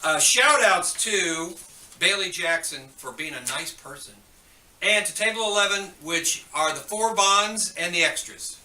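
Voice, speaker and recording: A man's voice: sits high, expressive, a little slow, bright, forceful tone, reverberant, far from the mic. A man giving chatty, joking school morning announcements, turning stern when he scolds students, heard over the school intercom.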